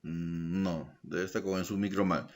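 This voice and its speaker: A man teaching a secondary school language lesson in an online class, explaining slowly and checking in with his students by asking short questions. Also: low voice, fairly even intonation. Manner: slow, deliberate explaining, tag questions to students.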